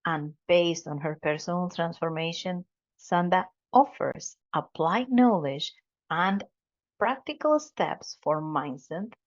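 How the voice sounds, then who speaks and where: A woman hosting a podcast interview, giving a formal, effusive introduction. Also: fairly low pitch. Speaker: podcast host. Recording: dull lo-fi audio.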